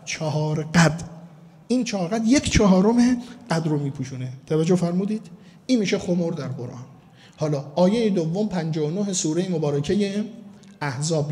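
A man from Mashhad delivering a sermon as a cleric, emphatic and slowing down to stress key words. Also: fairly high pitch, mellow. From Mashhad, Iran. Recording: long hall reverb.

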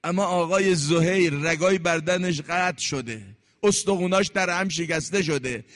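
A man giving an impassioned religious sermon, telling a story and chanting verse slowly, moving between hushed and loud passages. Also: high-pitched. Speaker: preacher. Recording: long reverb in a large hall.

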